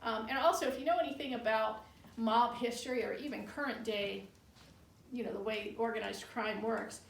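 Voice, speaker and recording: A woman's voice: a little high, steady tone, moderate pace, gravelly. A woman working as a tour guide, telling local legends informally in a conversational, skeptical, matter-of-fact way. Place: indoor room of an old bar building. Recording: roomy echo, distant mic, faint noise.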